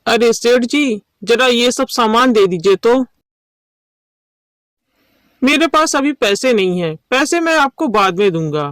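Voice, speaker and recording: A man's voice: very high voice, animated, measured pace, long pauses, a bit bright, no echo, exaggerated voice. A man voicing a poor village man who turns greedy, in a cartoon story with an emphatic, pleading manner. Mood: casual. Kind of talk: cartoon voice acting.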